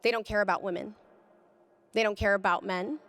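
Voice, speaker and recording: A woman giving an impassioned personal testimony, speaking with deep feeling and rising to cries at its peaks. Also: steady tone, a little fast, fairly bright tone, big-room sound. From California. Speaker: pro-life speaker. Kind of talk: emotional testimony talk.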